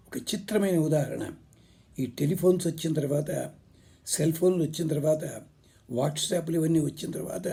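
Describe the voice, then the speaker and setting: A man giving a spiritual discourse, explaining slowly and drawing out recited words. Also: on the high side, creaky, mellow, husky. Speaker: speaker on scripture.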